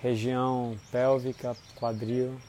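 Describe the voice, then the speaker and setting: A Brazilian man guides a relaxation in a dark, mellow voice of medium pitch. His delivery is soothing and unhurried, with short phrases set apart by long pauses. A light bed of insect and nature noise runs behind him. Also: level tone. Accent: Brazilian Portuguese. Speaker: guided meditation instructor. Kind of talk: guided body-scan relaxation.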